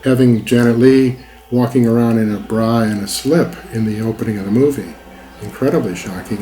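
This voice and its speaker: A man's voice: medium pitch, rough recording. A man in a documentary interview, reminiscing in a rambling way with many fillers and restarts.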